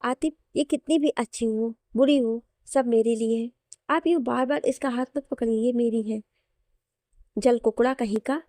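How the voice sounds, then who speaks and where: A man's voice: very high voice, fairly even intonation, normal speed, darkish tone, no echo, clean studio sound. A woman voicing a teasing young husband. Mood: mock-indignant. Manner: mischievous, teasing.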